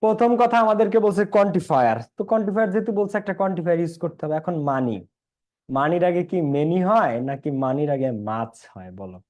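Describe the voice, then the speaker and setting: A man's voice: high-pitched, animated, fast, darkish tone. A young man with a Bangladeshi Bengali accent teaching an English class online, repeating points and quizzing his students.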